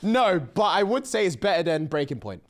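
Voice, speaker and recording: Young man, London roadman accent, higher-pitched, lively delivery, casual sweary banter between mates. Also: normal speed. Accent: London, urban slang. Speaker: podcast co-host.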